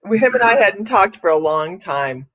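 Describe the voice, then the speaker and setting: A middle-aged woman from Ohio chats her way through a live psychic stream, rambling from one story to the next and laughing often. Her voice sits at an ordinary middle pitch. The sound is dull and lo-fi, like streamed audio. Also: animated, moderate pace, fairly bright tone. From Ohio, USA. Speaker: psychic livestream host. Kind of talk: casual live chat.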